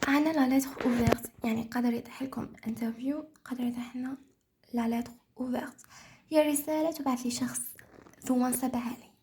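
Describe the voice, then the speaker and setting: A woman's voice: high-pitched, fairly even intonation, fast talker, warm tone. A young woman with an Algerian Arabic accent giving a casual exam review lesson, explaining patiently and repeating key terms. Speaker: teacher reviewing French for exams.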